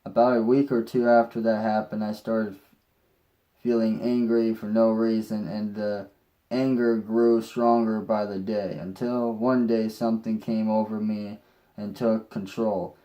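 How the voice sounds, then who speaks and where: A man's voice: on the low side, little pitch movement, unhurried, warm tone. A young man telling a personal story in a rambling way, with restarts and mild swearing. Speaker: vlogger.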